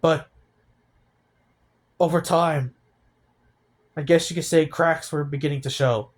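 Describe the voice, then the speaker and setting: An eighteen-year-old man talking about his feelings in a personal vlog, halting and downcast, often restarting his sentences. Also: fairly high pitch, steady tone. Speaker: vlogger.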